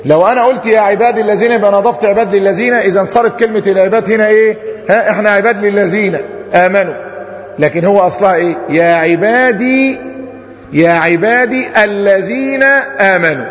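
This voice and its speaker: High-voiced Egyptian sheikh in an echoey hall. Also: male voice, fairly even intonation, very fast. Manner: drawls out quoted verses and asks the class rhetorical questions. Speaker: Islamic scholar teaching. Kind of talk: classroom grammar lesson. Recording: echoey hall, dull muffled audio.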